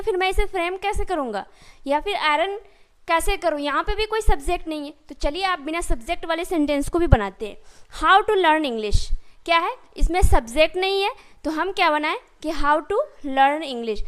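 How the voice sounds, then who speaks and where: A woman with a very high voice teaches a spoken English lesson. She explains each structure step by step and keeps turning to her students with questions. She slows right down to spell out each example sentence. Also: fairly bright tone. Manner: addresses students directly and often asks questions.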